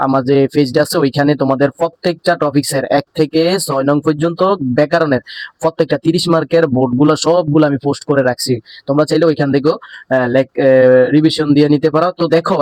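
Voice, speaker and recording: A young man races through an exam-prep lesson, his voice sitting a little high for a man. He coaxes his students like an older brother. The sound is close and dry, with no room around it. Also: a little mellow, no room sound, low-quality recording. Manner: brotherly, repeatedly calls students "bhaiya". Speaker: teacher.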